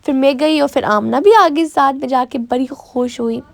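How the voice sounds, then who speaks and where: A woman's voice: sits high, moderate pace, vocal fry. A young woman, narrating her vlog in a chatty, self-mocking way that often restarts mid-sentence. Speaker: vlogger. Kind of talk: casual voice-over vlog narration.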